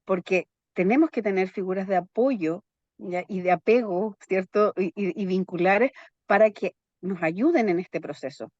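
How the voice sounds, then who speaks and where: A woman's voice: medium pitch, moderate pace, a little mellow, no echo, highs cut off. A woman psychologist explaining in an interview, constantly checking in with her listener through little tag questions. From Chile. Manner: keeps checking in with "¿ya?" tags.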